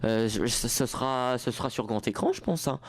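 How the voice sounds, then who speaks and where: A man's voice: mid-range voice, fairly quick, dry recording. A young man hosting a campus radio show in a studio, chatting casually with lots of fillers and restarts. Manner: rambling, many restarts and fillers. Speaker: radio host. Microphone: studio microphone.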